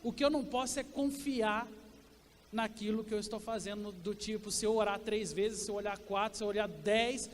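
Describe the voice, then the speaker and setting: A Brazilian man preaching a sermon as pastor, asking the congregation questions and swinging between loud and quiet. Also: high-pitched, fairly even intonation, moderate pace, big-room sound, a little hiss or hum. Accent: Brazilian Portuguese. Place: church sanctuary.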